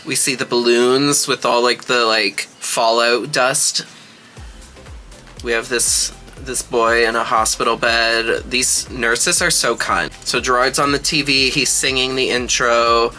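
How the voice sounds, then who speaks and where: A man with a very bright, forward voice chats in a sassy drag queen manner. He gushes and swears casually as he reacts to what he watches, with music playing behind him. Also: medium pitch, level tone, unhurried.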